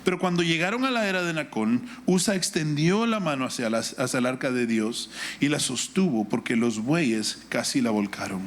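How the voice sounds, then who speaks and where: Animated, with a mid-range voice, a middle-aged man with a Guatemalan Spanish accent preaches at a moderate pace, pausing little, over slight background noise. His instructive sermon pairs Bible reading with a personal anecdote and relies on rhetorical questions and repetition.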